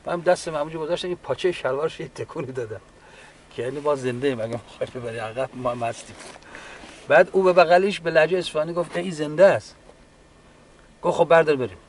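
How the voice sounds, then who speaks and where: A man, a wounded war veteran, giving a halting, unhurried personal account with frequent restarts. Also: a little high, slight background noise. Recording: distant mic with faint background ambience.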